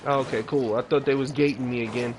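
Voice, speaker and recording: A man's voice: mid-range voice, fairly even intonation, fairly quick, noisy background. A man streaming a game, talking casually and slangily to viewers. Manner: laid-back, chatty, slangy. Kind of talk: casual gameplay commentary. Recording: voice over loud game music.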